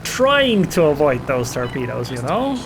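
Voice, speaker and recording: Slightly high and sing-song, this male gameplay commentator keeps a measured pace as he thinks aloud through his next moves in a naval battle game. His first language is Estonian, and he mutters plans and little reactions over background noise of game engines and gunfire.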